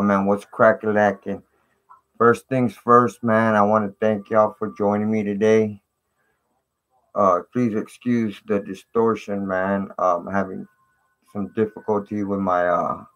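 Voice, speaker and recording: A man hosting a casual live stream from his computer, laid-back and drawling, his voice coming through fuzzy and distorted. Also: fairly low pitch. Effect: fuzzy distorted audio. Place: home computer setup.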